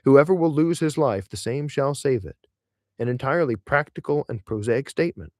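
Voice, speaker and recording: A man with a medium-pitched voice reads a literary essay aloud audiobook-style, measured and expressive, with deliberate emphasis. The recording is clean studio sound with no echo.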